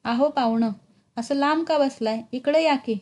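A woman reading the part of a village schoolmaster, curious and puzzled, asking questions in a rustic way. The voice is mellow and a touch high, as in a storybook read aloud. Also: moderate pace, close to an everyday voice. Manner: inquiring, rustic speech.

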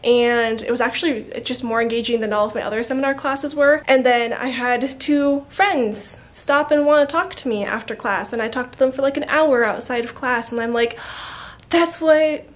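Chatty young woman vlogging, higher voice. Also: fairly even intonation, normal speed. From Central Valley, California. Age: young adult. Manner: candid, chatty, lots of "like" fillers. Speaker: college student vlogger. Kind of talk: casual vlog chat. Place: at home.

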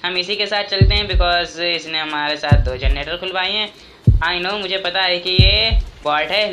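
A man giving casual, jokey gameplay commentary as a gaming YouTuber, talking excitedly to his viewers. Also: high voice. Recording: game music clearly behind voice.

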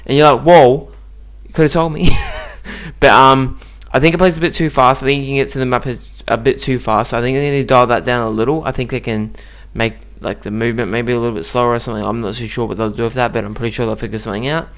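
A man's voice: medium pitch, steady tone, quick pace, few pauses, fairly bright tone. A man giving casual, chatty commentary on a video game he just played, with lots of ums and likes. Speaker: gaming YouTuber.

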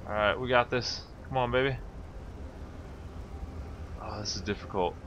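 A man's voice: fairly low pitch, moderate pace, lo-fi sound, background noise. A man giving casual gameplay commentary, talking to himself and exclaiming as he plays. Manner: excitable, exclaiming, talks to himself. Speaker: video game player commentator.

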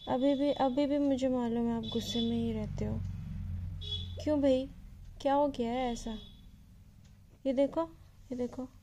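Slow, high-voiced woman coaxing her pet. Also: dark tone. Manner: coaxing, scolding baby talk. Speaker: vlogger. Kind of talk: casual vlog talk to a pet.

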